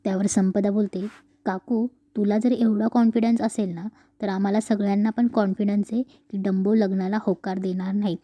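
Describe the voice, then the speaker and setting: Woman narrating a soap recap, very dark mellow tone, dry close sound, quick shifts into quoted dialogue. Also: medium pitch, flat delivery, no room sound. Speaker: narrator retelling a serial episode. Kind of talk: casual retelling of a TV serial with acted quotes.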